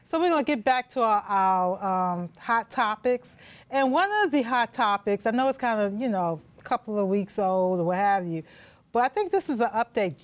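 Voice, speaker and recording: A woman hosting a live community TV talk show from a studio, talking casually and inviting callers. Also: mid-range voice.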